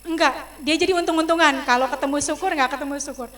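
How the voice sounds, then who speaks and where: A middle-aged woman preaching a personal testimony in a church service, swinging from loud emotional outbursts to soft asides as she addresses the congregation. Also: high-pitched, fast. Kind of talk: sermon testimony.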